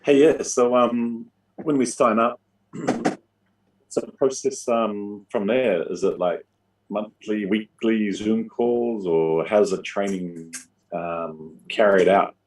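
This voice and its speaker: A man asking a question on a video call, speaking slowly and haltingly with fillers. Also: lowish voice, steady tone, a little mellow. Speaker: caller. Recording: echoey, distant video-call audio.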